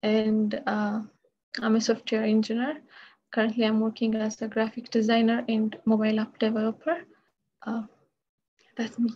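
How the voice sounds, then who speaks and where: A young woman from Ethiopia gives a brief, plain introduction on a video call. Her voice is fairly high and even, and the line is dull. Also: normal speed, long pauses, slight background noise.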